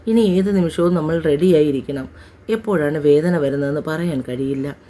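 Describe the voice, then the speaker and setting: A fussing older grandmother frets over her family in a storybook drama, urgent and scolding, voiced by a woman narrator. Her tone is mellow and warm. It stays close to the reader's own voice. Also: low-pitched, moderate pace, close to an everyday voice.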